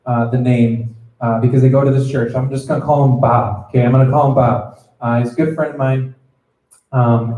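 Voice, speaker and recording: The pastor's mid-range voice sounds warm here, with slight background noise over the echoey room. Preaching to students, he stays conversational, checks in with them, and voices the characters in his stories.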